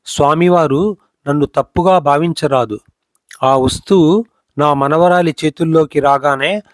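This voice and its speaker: A man's voice: on the high side, dry recording, lightly acted. A man voicing a devout old grandmother who pleads and frets in a storybook reading. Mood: anxious. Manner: pleading, anxious.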